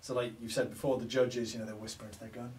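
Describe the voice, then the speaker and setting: A man's voice: medium pitch, little pitch movement, rapid-fire, darkish tone, distant mic. A man playing a tabletop miniatures game, chatting casually as he talks through his moves. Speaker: tabletop wargame player.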